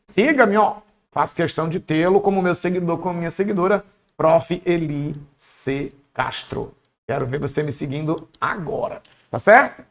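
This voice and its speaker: A man teaching an online exam-prep lesson, speaking in a lively, colloquial and encouraging way and often checking in with his students. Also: on the high side, moderate pace, creaky.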